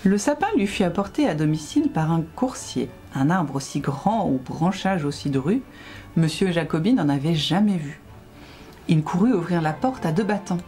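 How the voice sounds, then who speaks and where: A woman reading a rhyming children's Christmas story aloud as a librarian, with expressive storytelling. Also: lowish voice, moderate pace, soft background music.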